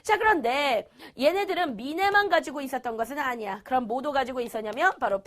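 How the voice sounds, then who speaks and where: A woman's voice: sits high, brisk. A young woman teaching an online lesson to students, playful, asking questions and answering them herself. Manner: lively, playful, asks and answers own questions.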